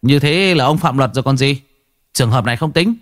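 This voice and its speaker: A man's voice: medium pitch, brisk, a bit bright, dry recording, clean studio sound, pitched above the performer's own voice, natural voice. A man voicing a smug male event organizer who announces from a stage.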